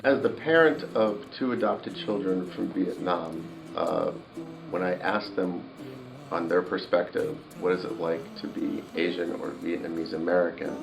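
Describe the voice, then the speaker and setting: Deep gravelly man, reflective. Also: steady tone, music in the background, low-quality recording. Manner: reflective, with pauses. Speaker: parent of two adopted children. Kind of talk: interview.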